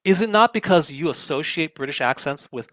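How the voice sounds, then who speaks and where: Young guy ranting his opinions, pushy rhetorical questions, fairly high voice, super dry mic. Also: animated, brisk, fairly bright tone, no room sound. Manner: argumentative, emphatic, rhetorical questions. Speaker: political commentary host. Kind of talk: opinionated commentary chat.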